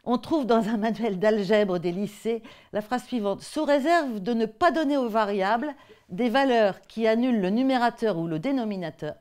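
A woman's voice: a little high, moderate pace, darkish tone. A woman with a French accent giving an academic talk on textbook excerpts, conversational and hesitant, often repeating words. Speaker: lecturer.

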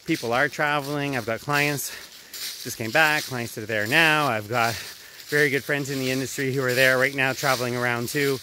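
A man with a mid-range, brisk voice and fairly even intonation gives a casual travel update while walking through autumn woods. It's a conversational walk-and-talk vlog, captured on a phone held at arm's length while he wears earbuds, with outdoor background noise.

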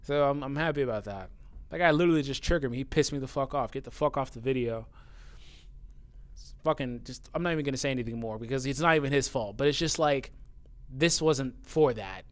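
Speaking at a brisk clip in a medium pitch, a man who remarks that he sounds young goes through viewer comments for his YouTube channel. He's casual and blunt, swears frequently, and grows heated.

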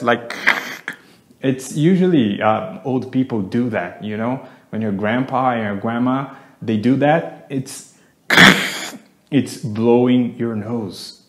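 A playful English teacher and co-host speaks in a mid-range, slightly mellow voice in an echoey room. He is chatty and casual, acting out every verb as he demonstrates it.

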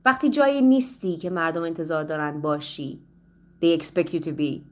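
A Persian-speaking woman teaching English in a playful, lively way, slowing down carefully whenever she speaks English. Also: low-pitched. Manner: switches between Persian and slow, carefully spoken English. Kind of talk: live online English lesson.

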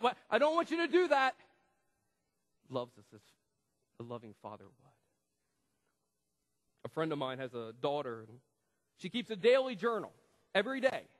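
A male pastor preaching a sermon in a church, swinging between loud, emphatic passages and hushed, quiet ones. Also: fairly high pitch. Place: church sanctuary. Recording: long church hall reverb.

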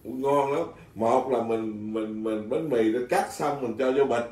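A Buddhist monk, telling stories in casual chat, animated, laughing often and restarting his sentences. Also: medium pitch, unhurried. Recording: echoey room, mic at a distance.

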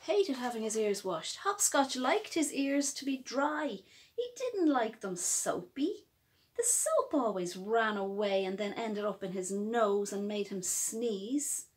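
Her voice sits on the high side as she slowly reads a picture book to little kids. She tells the story with lively expression and strong emphasis.

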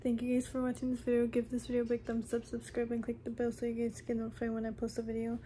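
Woman, casual vlog rant, exasperated and repetitive, keeps saying honey, very mellow dark voice, fairly flat delivery. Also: a little high, quick pace, a little hiss or hum. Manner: exasperated, repeats herself, keeps calling the viewer "honey". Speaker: vlogger.

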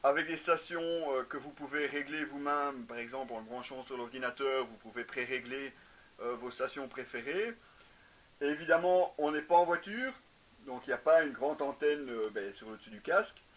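A thirty-something man reviews motorcycle gear to camera in a casual way, often hesitating as he explains. His medium-pitched voice is a bit bright and moderately paced, recorded in a shelved indoor garage with slight background noise.

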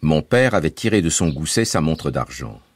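Male reader, novel read as radio serial, measured and expressive, very lively intonation, dry close sound. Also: rumbling low, husky, dry recording.

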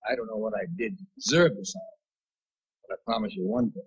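A man's voice: medium pitch, very animated, quick pace, vocal fry, slightly rough, dull audio. A man in his fifties, guest of honor, giving a self-mocking comic roast speech on a 1970s TV show. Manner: punchy, self-mocking timing. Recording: 1970s TV broadcast, audience laughter.

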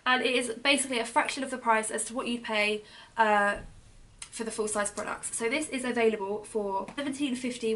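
Slight background noise accompanies this casual gift-guide vlog, where a young British beauty blogger chats upbeatly and enthusiastically about products, filling gaps with lots of ums. She is losing her voice, so her fairly high, slightly bright voice sounds a little hoarse.

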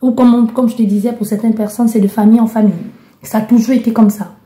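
A woman from Belgium gives a tarot guidance reading, addressing the listener directly, intense and full of restarts. Her voice sits fairly high but sounds very dark and mellow. The room around her rings with echo. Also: fairly even intonation, fast talker. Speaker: tarot card reader. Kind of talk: spoken card-reading guidance. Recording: echoey room.

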